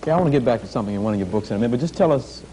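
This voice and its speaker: Man, TV host, very fast delivery, mellow tone, distant mic, faint noise. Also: medium pitch, animated. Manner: brisk, steering the conversation. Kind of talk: TV interview.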